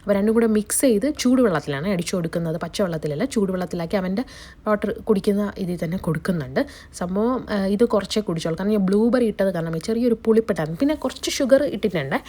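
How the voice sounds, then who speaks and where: Her cold has left her voice changed, but this young woman still races along at a medium pitch, mellow and lively in intonation. Indoors in her family's kitchen, she narrates a casual vlog about her day and her cooking.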